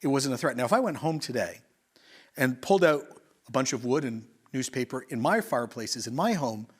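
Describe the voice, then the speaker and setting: A middle-aged male pastor from Canada, preaching in an animated, conversational way with rhetorical questions and quick asides. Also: medium pitch, slightly rough. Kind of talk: sermon.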